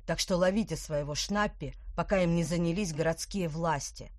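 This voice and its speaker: A woman's voice: on the low side, normal speed, no room sound, close to an everyday voice. Woman doing a spiteful, sneering villain. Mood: threatening. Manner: sneering, venomous. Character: spiteful pompous grown man, hissing threats.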